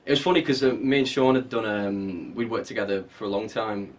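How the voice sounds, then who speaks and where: Easygoing actor chatting off-mic. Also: male voice, fairly low pitch, distant mic. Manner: easygoing, halting, many fillers. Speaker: actor guest. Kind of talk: casual interview chat.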